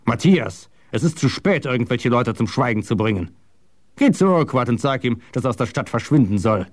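A worn-out male conspirator, bitter and mocking, as a man reading a storybook plays him. The voice sits a little higher than the narrator's own, recorded dry and close. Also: expressive, a little fast, dry recording, natural voice.

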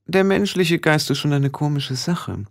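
A man voicing a stern, sharp-tongued old female witch in an audiobook, speaking in firm, clipped commands. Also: mid-range voice, very animated, moderate pace, pitched above the performer's own voice. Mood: hushed. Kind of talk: audiobook reading.

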